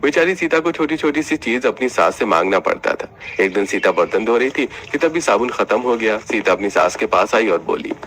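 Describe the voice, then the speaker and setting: A man narrating an animated family story in steady scripted storytelling. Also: on the low side, brisk.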